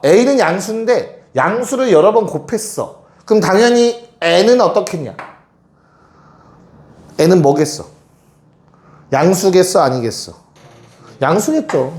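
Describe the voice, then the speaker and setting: Speaking straight to his class, a male math teacher keeps stopping to make sure the students understand. He has a high, slightly mellow voice. The recording captures an echoey room with a little background noise.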